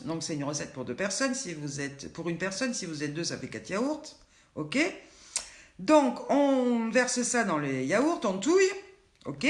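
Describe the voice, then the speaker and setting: A woman's voice: mid-range voice, a bit bright. An older woman with a Southern French accent hosts a casual live cooking chat, joking and talking straight to her viewers by name. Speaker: online show host. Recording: roomy echo.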